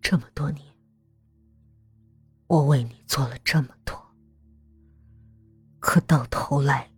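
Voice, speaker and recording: A soft, chilling mother figure, as a woman puts her on for an audio horror story. She speaks slowly and evenly in a low, breathy half-whisper. The sound is close and dry. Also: no echo, full character voice. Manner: flat, calm, half-whispered. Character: calm, sinister middle-aged mother who speaks softly.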